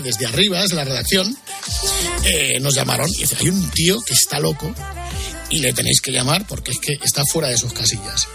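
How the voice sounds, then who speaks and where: A man's voice: fairly high pitch, gravelly. A man hosting a radio show, telling a story in a jokey, casual way. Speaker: radio host.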